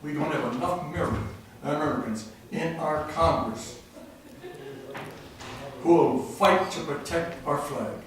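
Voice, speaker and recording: Unhurried and somewhat high-voiced, an older man addresses a city council meeting with an earnest, patriotic public comment that includes some jokes. The council chamber is very echoey, recorded from a distant mic with faint noise.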